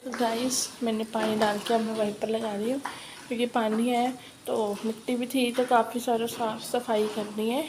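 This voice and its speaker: A woman's voice: on the high side, level tone, normal speed. A young woman with a cold and sore throat chatting casually at home in a home vlog, rambling and repeating herself. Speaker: vlogger. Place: at home, indoors and on a terrace in rain. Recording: rain noise in background.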